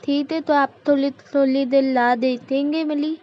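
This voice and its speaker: A woman's voice: high voice, steady tone, normal speed, lightly acted. A woman voicing a young daughter-in-law in a cartoon who speaks with a heavy childlike lisp, timid yet answering back. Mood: pleading. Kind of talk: cartoon voice acting. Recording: dull lo-fi recording.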